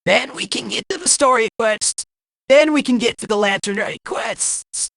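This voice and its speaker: Recorded dry with studio quality, a gravelly, mid-range, slightly bright voice moves at a moderate pace through casual livestream gaming talk. The streamer sounds blunt, exasperated and grumbling, possibly via a voice changer, over game music.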